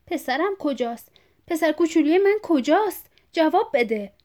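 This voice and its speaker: A woman's voice: high voice, warm tone, pitched above the performer's own voice, close to an everyday voice. A woman voicing a confused old father. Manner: rambling, repeating himself, insistent. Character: confused bleeding old father, agitated and lost. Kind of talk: audiobook reading.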